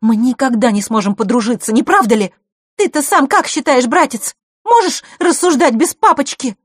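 A woman's voice: high-pitched, moderate pace, dry recording, clean studio sound, pitched above the performer's own voice, natural voice. A woman reading a storybook and voicing a fierce, defiant teenage girl who talks back sharply and scornfully. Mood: furious. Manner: sharp, scornful, rising to shouts.

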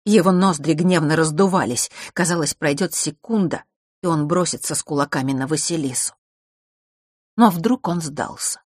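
A woman narrating a storybook in a measured, even reading voice. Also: low-pitched, slightly rough, dry recording, studio quality. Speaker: audiobook narrator.

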